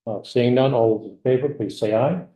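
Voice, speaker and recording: A man chairing a legislative committee meeting, running the votes briskly. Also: medium pitch, warm tone, roomy sound, low-quality recording. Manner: brisk procedural.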